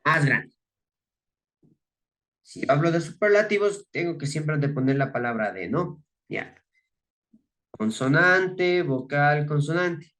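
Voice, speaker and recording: Slow, patient male English teacher. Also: medium pitch, a bit bright. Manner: patient, explains step by step, asks "¿no?" and "¿ya?" for confirmation; reads English words slowly and clearly, then gives the Spanish meaning. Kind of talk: recorded grammar lesson.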